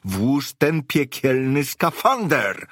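A man voicing an agitated, urgent male character in an audiobook, raising his voice and shouting at times. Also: fairly low pitch, expressive, measured pace, no room sound, studio quality. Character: agitated man, frantic then relieved.

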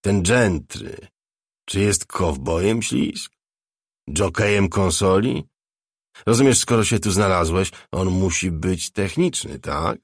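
A man's voice: low-pitched, expressive, slow, husky, no room sound, clean studio sound, exaggerated voice. A man reading a sardonic, cocky rich man. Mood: probing. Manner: sarcastic, blunt, probing questions. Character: cocky sardonic wealthy man, barefoot, sipping cognac.

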